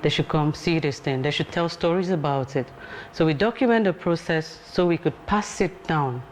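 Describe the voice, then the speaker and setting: A woman's voice: sits low, moderate pace, a little mellow, a little hiss or hum. A woman, an exhibition organizer, talking earnestly as an interview guest and repeating points for emphasis. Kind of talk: casual interview talk.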